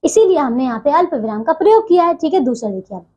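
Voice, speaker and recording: High-voiced woman teaching children grammar. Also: very animated, fast talker, mellow. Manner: patient, repeats "theek hai bachchon" constantly. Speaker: school Hindi teacher. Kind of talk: online grammar lesson for children.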